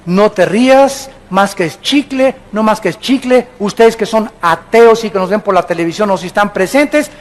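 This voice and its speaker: A man's voice: high voice, expressive, moderate pace, hardly any pauses, rough recording. A man with a Mexican accent preaching a sermon, emphatic and addressing his listeners directly. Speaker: pastor.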